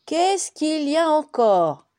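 A woman voicing a grumpy, sleepy male farm dog who grumbles slowly. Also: high voice, sing-song, mellow, no room sound, studio quality, pitched above the performer's own voice, exaggerated voice.

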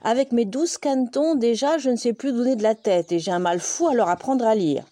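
A woman's voice: on the high side, fairly quick, mellow, dry recording, pitched above the performer's own voice, close to an everyday voice. A woman voicing a laid-back, carefree mother duck in a storybook. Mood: easygoing.

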